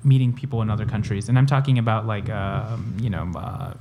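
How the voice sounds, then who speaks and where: A young man from El Salvador in casual conversation, talking reflectively with many pauses and fillers. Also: on the low side, background noise. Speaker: conversation partner. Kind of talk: casual chat.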